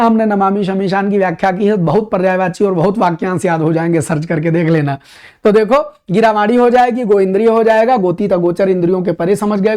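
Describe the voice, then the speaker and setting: A man teaching Hindi grammar for an exam, explaining patiently, slowing down to recite verses and repeating key words for emphasis. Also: high-pitched, a little mellow. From India. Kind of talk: exam-prep grammar lesson.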